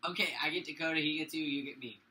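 A man's voice: a little high, racing, sharp tone, low-quality recording. A young man chatting and joking bossily with friends during a food challenge, swearing and laughing. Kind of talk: casual chat among friends.

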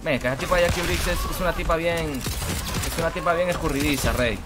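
A man streaming a fighting game, commenting excitedly and greeting his chat by name, speaking with vos. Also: a little high, a little fast, noisy background. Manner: excitable, calls viewers bro and rey, greets chat by name. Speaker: gaming streamer.

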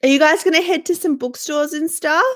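On a casual bedroom livestream, a young Australian woman in her twenties talks with viewers, addressing them by name. Her high voice moves fairly quickly, and a sore throat leaves her sounding stuffy.

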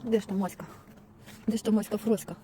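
A woman's voice: medium pitch, steady tone, quick pace, mellow. A woman vlogging outdoors by a road, cooing in sing-song baby talk while she feeds stray dogs. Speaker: volunteer feeding stray dogs. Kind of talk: casual vlog talk to dogs. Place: outdoors by a roadside dump. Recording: outdoor traffic noise. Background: passing cars and animal sounds.

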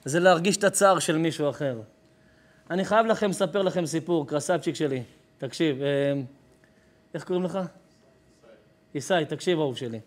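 A man's voice: on the high side, pauses often. A rabbi giving a live sermon, telling a story with emphasis and calling to his listeners directly. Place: live lesson before an audience.

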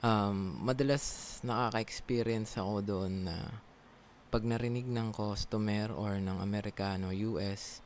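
A man's voice: on the low side, fairly even intonation, measured pace, a little hiss or hum. A man from the Philippines with a Filipino accent, a former call center agent, chatting casually to viewers at his home computer, with lots of fillers. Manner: chatty, many fillers, talks to viewers as guys. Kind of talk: casual tutorial vlog.

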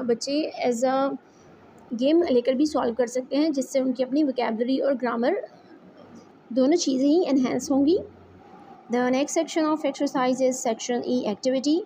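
A woman in her walks through a textbook exercise, reading each line slowly before explaining it. Her voice sits high but sounds soft and mellow. A faint hiss runs under the recording. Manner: reads English slowly, then explains in Hindi-Urdu. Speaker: English teacher.

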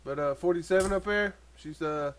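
A man's voice: a little high, normal speed. A young man chatting crudely with a friend while playing a video game, laughing often and yelping now and then. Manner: loud, laughing, crude, with sudden yelps. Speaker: gaming channel host. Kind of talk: casual gaming chat with a friend.

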